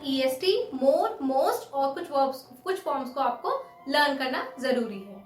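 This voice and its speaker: A woman teaching English grammar in a lesson, slowly spelling out word forms one by one. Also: high voice, fairly bright tone, reverberant, rough recording. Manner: slow, deliberate dictation of word forms.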